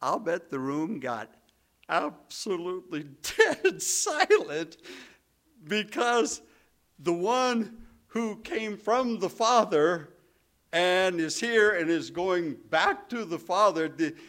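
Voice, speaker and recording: A man preaching a sermon, animated and acting out the voices of biblical figures as he talks. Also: high voice. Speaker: pastor.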